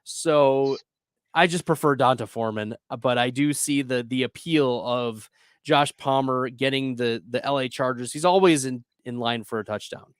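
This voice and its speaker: A man hosting a casual fantasy football advice chat, upbeat and quick to laugh. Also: mid-range voice, clear, resonant tone, no echo, studio quality. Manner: chatty, upbeat, laughs easily. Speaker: fantasy football show host.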